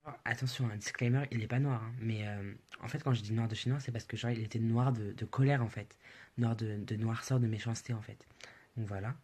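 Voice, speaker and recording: Husky-voiced teen boy rambling through a story. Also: mid-range voice, steady tone, a little fast, a little mellow. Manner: rambling, heavy with fillers and asides. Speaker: student telling school stories. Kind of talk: casual storytelling on a social media story.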